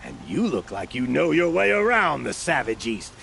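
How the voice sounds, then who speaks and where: A smarmy, gravelly merchant. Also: male voice, fairly high pitch, sing-song, normal speed, fairly bright tone, slight background noise, heavily acted. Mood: scheming. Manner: smarmy, wheedling, stammering. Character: greedy shifty male merchant opportunist. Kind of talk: video game dialogue.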